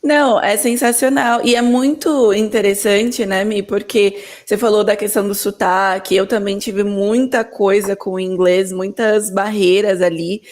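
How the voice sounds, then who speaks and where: A woman's voice: medium pitch, fairly even intonation, normal speed, hardly any pauses, a little mellow. Reflective woman in a casual interview.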